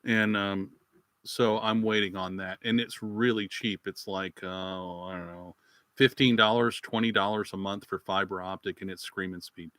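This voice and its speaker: A man's voice: low voice, fairly even intonation, moderate pace, pushed and bright, no room sound. A man from the United States hosting a live Q&A, answering viewers in a folksy, rambling, chatty way from his rural home. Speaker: channel host answering viewer questions. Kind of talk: live-stream Q&A chat.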